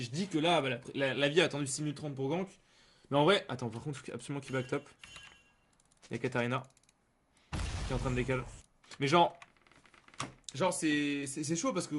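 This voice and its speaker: A man's voice: on the high side, a bit bright. A man streaming a video game with casual, rambling commentary full of gamer slang and repetition. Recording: clear background noise.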